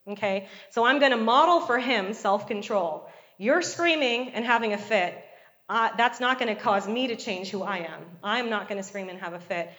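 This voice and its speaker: A woman's voice: on the high side, a bit bright. Middle-aged woman preacher, chatty sermon delivery with constant call-and-response checks. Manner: conversational, frequent call-and-response "Amen?" and "okay?".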